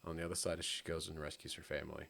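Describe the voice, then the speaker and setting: A man's voice: rumbling low, flat delivery, very fast, gravelly, a bit bright. A man co-hosting a film podcast, talking through a movie plot in an easygoing, casual way. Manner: laughs often, easygoing. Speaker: podcast co-host. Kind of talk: casual chat.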